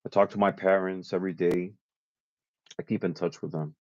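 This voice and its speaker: A man's voice: deep voice, steady tone, moderate pace, darkish tone, dry recording, muffled recording. A man of about fifty from Puerto Rico, a guest in a casual chat, talking at length and listing facts one after another. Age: around 50. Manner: chatty, lists facts at length.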